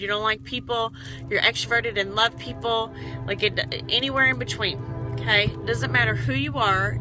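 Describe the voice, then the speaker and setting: A woman's voice: on the high side, poor audio. A woman giving casual coaching tips to her sales team in a vlog. She is chatty and encouraging, and keeps checking in with "okay?". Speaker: direct sales team leader.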